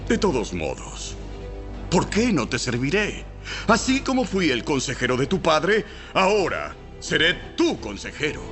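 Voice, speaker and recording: An actor playing a shrewd, persuasive male royal counselor in an audio Bible drama, speaking with theatrical, deliberate emphasis. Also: a little high, wildly swooping pitch, a bit bright, heavily acted. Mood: earnest, loyal. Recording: music behind.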